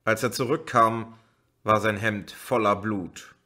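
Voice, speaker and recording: A man reading a novel aloud as an audiobook in a slow, measured way. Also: lowish voice, fairly even intonation, sharp tone. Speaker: audiobook reader. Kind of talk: audiobook narration.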